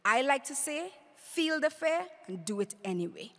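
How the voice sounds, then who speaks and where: A woman's voice: high-pitched, sing-song, normal speed. Woman giving a rousing speech in a hall. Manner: rhetorical, rousing, paced with emphatic lists. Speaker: award speaker. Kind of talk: prepared speech at a podium. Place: large conference hall. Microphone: podium mic on stand. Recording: reverberant conference hall.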